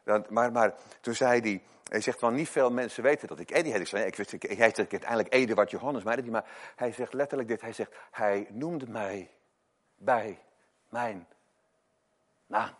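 A male preacher delivers a sermon built on personal stories. He talks emphatically, pressing some words loudly and dropping others to a hush. His voice sits at an ordinary middle pitch for a man. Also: quick pace. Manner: emphatic, swings from loud to hushed.

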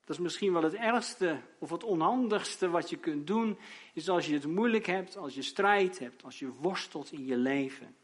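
Male preacher, fairly high-pitched, dramatic sermon delivery with loud emphatic peaks. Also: moderate pace, slightly rough. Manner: dramatic, rising to loud emphatic outbursts when quoting.

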